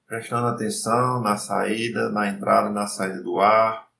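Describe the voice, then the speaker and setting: A Brazilian man guiding a breathing meditation as an instructor, in a calm, soothing, unhurried way with pauses. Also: on the low side, creaky, distant mic. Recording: roomy echo, faint background noise.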